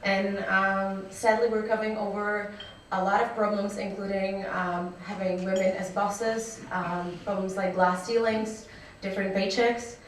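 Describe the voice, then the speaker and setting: A woman's voice: mid-range voice, little pitch movement, measured pace, slight background noise. A woman moderating a conference panel, hesitant with fillers, recorded in a hall. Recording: echoey hall, distant mic.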